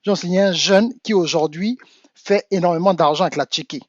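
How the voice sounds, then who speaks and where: A man's voice: high voice, a little fast, dry recording, lo-fi sound. A man from Africa, a business coach giving an insistent talk to his audience that builds to emphatic urging. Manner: insistent, rising to emphatic exhortation. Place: home in the United States.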